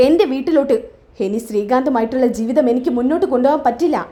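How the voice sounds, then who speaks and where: A wounded young wife speaks with bitter defiance, voiced by a woman narrator. Her voice sits high and bright. It is barely set apart from the reader's own voice. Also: very fast. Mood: hurt, bitter. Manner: sobbing, bitter, defiant complaints. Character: young wife, hurt and angry.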